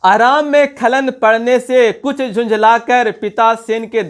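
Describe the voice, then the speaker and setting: Slow-talking teacher. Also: male voice, very high voice, steady tone. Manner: reads a passage, then retells it in local dialect and quizzes the listener. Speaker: Hindi teacher. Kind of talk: explaining a textbook story line by line.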